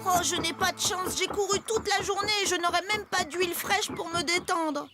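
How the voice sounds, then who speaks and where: A woman voicing an eager, helpful young male tractor in a French children's cartoon, with an earnest, expressive delivery. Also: very high-pitched, normal speed, over music. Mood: dejected, tired.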